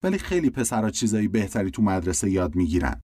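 A man reading aloud, voicing a bored teenage girlfriend with flat, dismissive replies. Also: lowish voice, slightly rough, no echo, clean studio sound.

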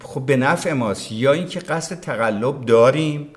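A man, a veteran broadcaster, talking as a podcast guest in casual conversation, emphatic and opinionated, often acting out what others said. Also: mid-range voice. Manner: emphatic, opinionated, acts out quoted speech.

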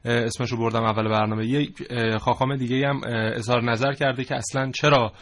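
A man hosting a studio discussion, speaking haltingly with many pauses. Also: mid-range voice, little pitch movement, a bit bright. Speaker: host.

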